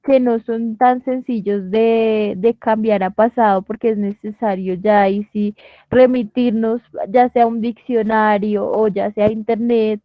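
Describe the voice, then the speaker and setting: A woman teaching an online class, patient and methodical, stopping to check that everyone follows. Her pace is slow and her voice sits a little high. The sound is dry and dull, as over a computer call. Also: steady tone, dry recording. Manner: patient, explains step by step with frequent "¿listo?" checks. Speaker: English teacher. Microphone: computer mic on video call.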